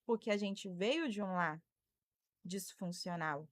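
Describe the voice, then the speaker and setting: A woman's voice: mid-range voice, slow pace, dry recording. A woman in her thirties from Brazil, a psychologist hosting a live stream, giving advice and thanking viewers by name. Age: 30s. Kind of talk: live stream talk answering viewer comments.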